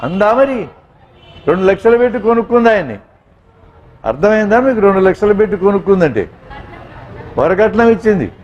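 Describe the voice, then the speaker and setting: A man's voice: high voice, very animated, brisk, long pauses, a little mellow, lo-fi sound. A man, a doctor, giving a humorous talk to students, telling anecdotes and speaking straight to his audience. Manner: jokey storyteller, addresses audience directly. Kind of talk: humorous motivational speech with anecdotes.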